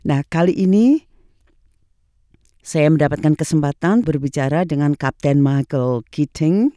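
A woman's voice: deep voice, unhurried, mellow, dry recording, studio quality. A woman conducting a conversational radio interview as the interviewer.

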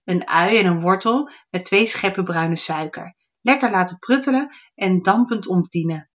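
A woman's voice: lowish voice, normal speed, fairly bright tone. Woman reading a children's book aloud. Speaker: book reviewer. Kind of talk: book recommendation with read-aloud excerpt.

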